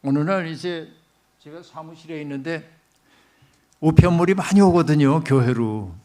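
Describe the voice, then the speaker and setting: A man's voice: on the high side, moderate pace, mellow. A middle-aged man preaching a sermon as a pastor, telling a story and speaking directly to the congregation.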